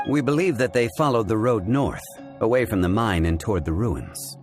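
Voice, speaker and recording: A man playing a calm, learned investigator in a video game, speaking in a measured, formal way. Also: fairly low pitch, over music, close to an everyday voice. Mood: composed, analytical. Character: calm, learned, dignified male consultant investigator. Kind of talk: video game character acting.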